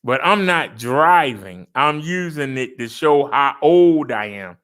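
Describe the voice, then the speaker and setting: A man's voice: medium pitch, lively intonation, slow pace, a bit bright. Exasperated fifty-year-old man ranting. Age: 50s. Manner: exasperated, argumentative, repeats points. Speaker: vlogger. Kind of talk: casual ranting monologue.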